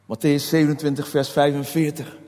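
A man's voice: fairly high pitch, little pitch movement, a little fast, mellow. A man preaching a sermon, passionate, who voices prayers in a raised, pleading tone. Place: hall. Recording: long hall reverb.

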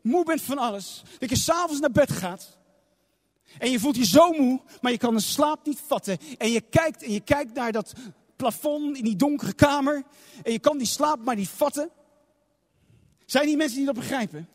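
A man's voice: very high voice, normal speed. A man preaching a sermon with passion, repeating phrases for emphasis. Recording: long reverb of a large hall.

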